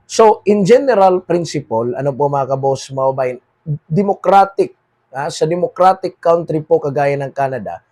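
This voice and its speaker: A Filipino man with a Filipino accent hosting a political commentary monologue, moving between read English lines and Tagalog and dropping quieter at the end of phrases. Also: on the high side, lively intonation, normal speed. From Philippines. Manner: switches between read English and Tagalog, repeats "mga kaboses, mga kababayan"; trails off quieter at phrase ends.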